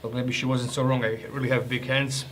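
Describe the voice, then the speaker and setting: Brief: young man, mid-pitched, chatty and jokey food vlogger, faint noise behind. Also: level tone, brisk, a bit bright. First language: Croatian. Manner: chatty, joking, restarts and hesitations. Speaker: ration reviewer. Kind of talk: casual food review vlog.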